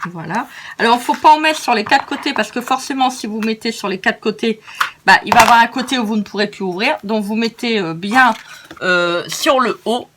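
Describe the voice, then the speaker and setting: A woman's voice: on the high side, brisk, a bit bright, a little hiss or hum. A tired woman with a northern French accent, hosting a casual craft tutorial in a chatty, rambling way with many hesitations.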